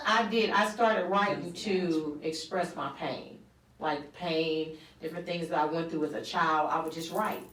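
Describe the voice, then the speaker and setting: A woman guest in an interview, telling her story in animated fashion and acting out quotes. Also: fairly low pitch, far from the mic. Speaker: guest author. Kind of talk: conversational interview. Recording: roomy, from off-mic.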